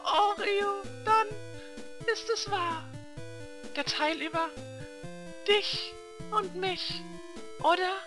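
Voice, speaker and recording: Casting: man putting on a tender young heroine, squeaky high falsetto, drawn-out slow delivery, game music underneath. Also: fairly even intonation, distant mic, full character voice. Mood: dreamy. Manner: mock-sentimental parody dub. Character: gentle young woman, soft and tender. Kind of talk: parody dub over game cutscene.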